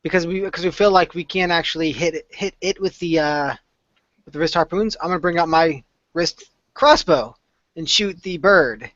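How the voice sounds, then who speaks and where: A man's voice: a little high, normal speed, fairly bright tone, no echo. A man playing in a tabletop game, rambling and joking as he declares his moves. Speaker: player. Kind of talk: casual tabletop game play. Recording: dry, dull lo-fi recording.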